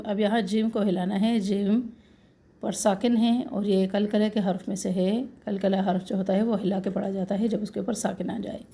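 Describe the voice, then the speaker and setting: A woman with a Pakistani Urdu accent teaching Quran recitation, who patiently demonstrates words slowly and then corrects and explains them. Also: mid-range voice, dark tone. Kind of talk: Quran recitation lesson, slow drawn-out recitation with quick explanations.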